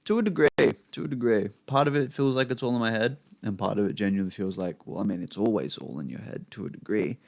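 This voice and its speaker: A young man with an Australian accent talks in a loose, meandering ramble, dropping curses and "you know" every few breaths. His voice sits fairly low, and the desk-mic recording is close and dry with no room sound. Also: quick pace, hardly any pauses, no room sound. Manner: rambling and profane, constant "you know" asides. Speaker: vlogger. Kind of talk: unplanned rambling monologue. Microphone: desk microphone he sometimes pops.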